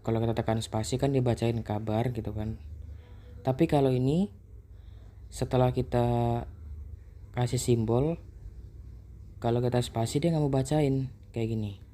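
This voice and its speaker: A man's voice: medium pitch, moderate pace, pauses often. A man, chatting casually as a vlogger about his experiences with an app. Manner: relaxed, conversational explaining. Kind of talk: casual chat.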